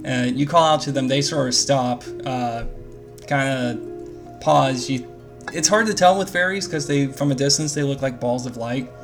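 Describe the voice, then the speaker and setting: Male GM, easygoing narration, mid pitch, fillers. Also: moderate pace, music in the background. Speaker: game master. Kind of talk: narrating a tabletop game.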